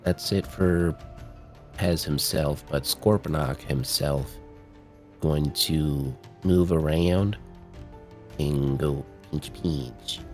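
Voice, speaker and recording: A man playing in a tabletop game over a voice call, his voice coming through a robotic, metallic auto-tune filter, hesitant and full of pauses. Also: very deep voice, a little mellow, faint music behind. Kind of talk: casual play over a voice call. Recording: voice call audio with a glitching auto-tune effect.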